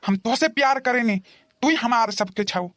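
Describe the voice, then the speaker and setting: With a fairly high, bright voice and lively intonation, a woman acts out a cartoon role: an elderly husband with a Bhojpuri accent who pleads with and wheedles his wife, stammering through excuses. She talks at normal speed. The studio sound is clean, without echo.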